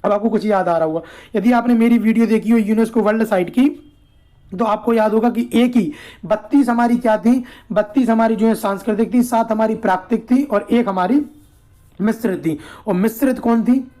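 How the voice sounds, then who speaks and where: A man's voice: high voice, a little fast, mellow. A man teaching an exam-prep lesson in a casual, explanatory way. He repeats himself, asks his own questions, answers them, and keeps checking in with "theek hai.".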